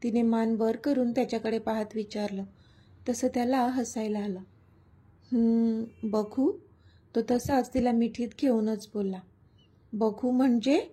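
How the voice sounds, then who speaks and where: A woman reading a serialized romance story aloud in an even, gentle way. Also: on the high side, moderate pace, husky. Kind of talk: scripted storybook narration.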